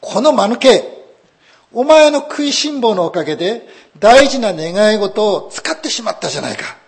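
A man doing a gruff, short-tempered old husband. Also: fairly high pitch, big pitch swings, a little slow, exaggerated voice. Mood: furious. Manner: gruff, barking when angry. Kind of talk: folk tale told in a sermon.

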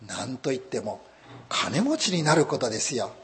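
A man voicing a nagging, greedy wife from a folk tale, in a raised, shrill voice. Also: very animated, moderate pace, fairly bright tone. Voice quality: high, shrill when upset. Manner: coaxing, then shrieking. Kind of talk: folk tale told in a sermon.

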